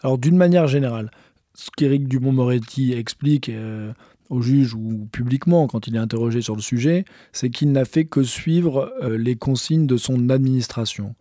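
A man's voice: medium pitch, moderate pace, mellow, no echo, studio quality. Hesitant man explaining the news. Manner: conversational, frequent hesitations. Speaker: journalist. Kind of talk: explanatory commentary.

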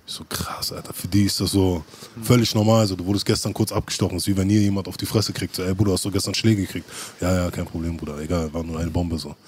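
A man's voice: sits low, fairly even intonation, fast talker, a little mellow, slightly rough. A man telling stories in casual chat, full of street slang and acted-out quotes. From Germany.

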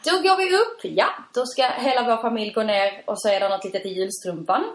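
A woman who works as a wedding coordinator, chatting casually with quick asides. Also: mid-range voice. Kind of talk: casual chat. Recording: echoey room.

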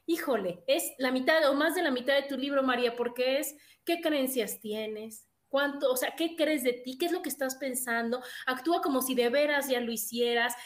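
A woman's voice: high-pitched, normal speed, few pauses. A woman hosting an interview, speaking with enthusiasm and admiration. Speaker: host. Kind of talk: casual interview chat.

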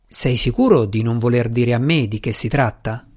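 A man voicing a calm, evasive male government official who speaks in a smooth, polite, measured way. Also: medium pitch, voice pushed down, lightly acted.

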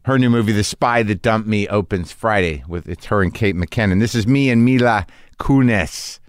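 In a home garage studio, a middle-aged podcast host runs a casual interview, recorded dry and close on a studio mic. His smooth voice sits on the low side at a normal speed, and he rambles, trails off, restarts, and swears freely.

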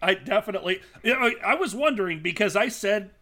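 A man's voice: high voice, lively intonation, quick pace, pushed and bright. A man narrating as game master of a tabletop game, hesitant with many fillers as he explains.

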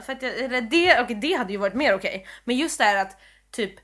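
Bright young woman, playful podcast co-host. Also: a little high, expressive. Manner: playful, quick to laugh and ask questions. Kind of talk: casual chat.

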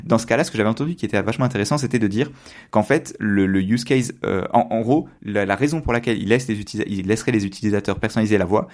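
A man chatting casually on a podcast, rushing through ideas with frequent restarts. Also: fairly low pitch, darkish tone. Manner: rapid talk with restarts and stammers. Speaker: podcast co-host.

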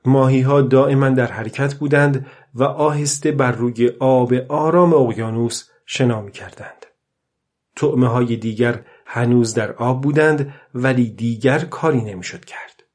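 A man reads a novel aloud in a calm, measured way, his voice at an ordinary middle pitch. The delivery is even and steady, suited to a long audiobook. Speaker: audiobook narrator. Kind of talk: scripted narration.

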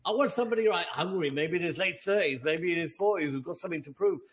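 A middle-aged man with a slightly high voice rants heatedly on a fan podcast. He talks emphatically and keeps firing off rhetorical questions. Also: fast talker. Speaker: podcast co-host.

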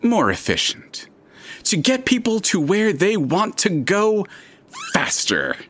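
A man's voice: high-pitched, huge pitch swings, slow pace, fairly bright tone, no echo, exaggerated voice. A man playing a wry, theatrical narrator character who speaks in an arch, pompous manner in an audio drama. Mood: smug, playful.

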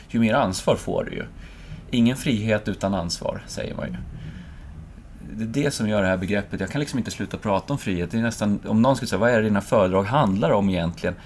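Man, low voice, reflective lecturer type mid-conversation, faint hiss behind. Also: a little mellow. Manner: thoughtful, searching, acts out his own inner voice. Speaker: speaker and lecturer.

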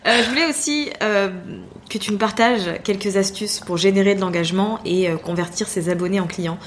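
A woman's voice: medium pitch, a little fast, a little hiss or hum. Friendly woman hosting a podcast. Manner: friendly, encouraging, asks questions. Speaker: podcast host, interviewer. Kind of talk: podcast interview.

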